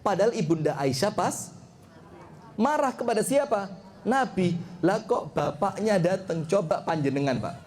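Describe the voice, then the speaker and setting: Middle-aged Javanese-accented male preacher, high pitch, playful and animated sermon delivery. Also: normal speed. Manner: jokey, animated, mixes Javanese and Arabic phrases, asks the audience questions. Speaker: Islamic preacher. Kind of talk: lively sermon to a live congregation.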